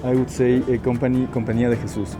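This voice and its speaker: Relaxed man giving tips. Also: mid-range voice. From Ecuador. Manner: relaxed, explaining with pauses and "uh". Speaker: local guide guest. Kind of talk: casual conversation. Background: background music.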